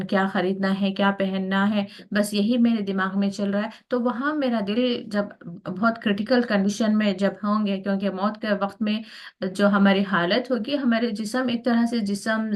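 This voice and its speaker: Woman giving a Quran lesson. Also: mid-range voice. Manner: explains step by step with many fillers; mixes English words into her speech. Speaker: Quran teacher.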